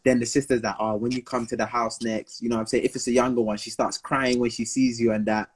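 A man's voice: mid-range voice, little pitch movement, quick pace, breathy edge. A young man with a London roadman accent telling stories casually in slang, repeating himself and acting out quotes. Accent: London urban slang (roadman). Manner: slangy, repetitive, acts out quotes. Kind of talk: casual storytelling banter.

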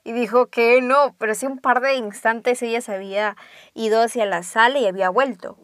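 A young woman, casually telling a ghost story and dropping to hushed tones for suspense. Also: fairly high pitch, fairly even intonation, normal speed, no room sound, studio quality.

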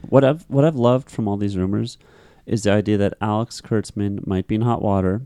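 Low-pitched guy cohosting a podcast, jokey, dry close mic. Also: fairly quick, no echo. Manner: joking, animated, slips into mocking voices. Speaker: podcast co-host. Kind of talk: casual chat.

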